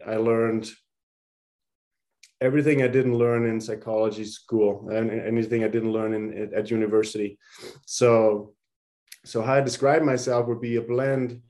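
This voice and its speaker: A middle-aged man from Austria, a psychologist guest speaking in an earnest, reflective way with halting restarts. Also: lowish voice, warm tone. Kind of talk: conversational interview.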